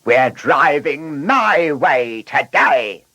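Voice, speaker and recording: A man's voice: fairly high pitch, very animated, very slow, pushed and bright, no room sound, voice pushed up, heavily acted. A man voicing a boastful, selfish male car in a storybook, brash and mocking.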